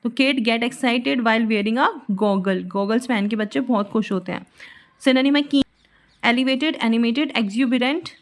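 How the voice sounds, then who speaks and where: A woman with a somewhat high voice gives a vocabulary lesson. She explains each word with a memory trick, repeating and spelling things out patiently. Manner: patient, repeats words slowly and spells them out. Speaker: vocabulary teacher.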